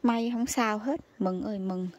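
A woman from Vietnam, chatting excitedly to her viewers as she picks vegetables in her home garden outdoors. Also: medium pitch, a little slow, dry recording. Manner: chatty and exclamatory, calls viewers family. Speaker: gardening vlogger. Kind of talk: casual chat to viewers while harvesting.

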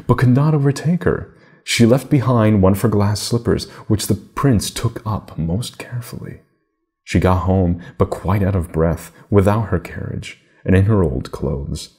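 This storybook narrator is a man in his thirties whose deep, husky, dark-toned voice carries a fairy tale at a deliberate, measured pace. His diction stays formal throughout.

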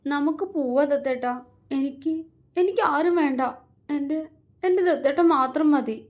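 A woman's voice: sits high, very animated, darkish tone, voice pushed up. A woman voicing a sobbing young woman. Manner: sobbing, halting, repeating words. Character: tearful young woman clinging to her beloved.

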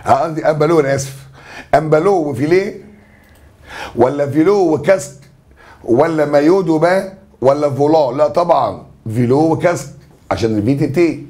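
A man's voice: on the high side, fairly quick, warm tone. A man with an Egyptian accent, a French teacher going through exam answers in a chatty, joking way. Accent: Egyptian Arabic. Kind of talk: exam review lesson.

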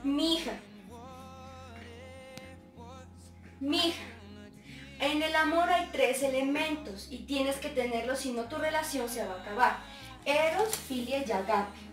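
A stern, lecturing mother, as a woman puts her on, high-voiced and insistent. She is heard from a distance in an echoing room. Faint music plays behind. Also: a little slow. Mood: warning. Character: scolding middle-aged mother giving stern advice. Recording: roomy sound from a distant mic, faint music.

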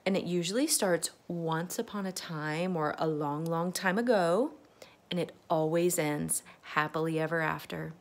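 A woman hosting a children's circle time, chatting and reading a picture book aloud with a sing-song, expressive manner. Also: fairly low pitch. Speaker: teacher, children's host.

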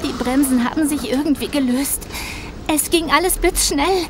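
This is German audio drama acting: a woman with a high voice, speaking at normal speed in a tone close to her everyday voice, portrays a young female carer who is anxious, devoted, earnest and hesitant. She comes across as distraught, with noisy ambience in the background.

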